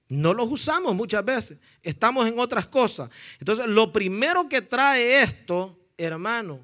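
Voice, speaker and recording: A male pastor preaching a fervent sermon. He often calls his listeners "brother", rises to shouts and then drops into stories. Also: high-pitched. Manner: addresses listeners as "hermano".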